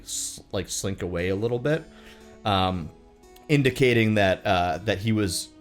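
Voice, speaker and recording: A low-pitched man running a tabletop game, describing the scene with a lively, up-and-down delivery. He stops and restarts often as he searches for words, with faint music in the background. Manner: descriptive, halting with fillers. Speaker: game master.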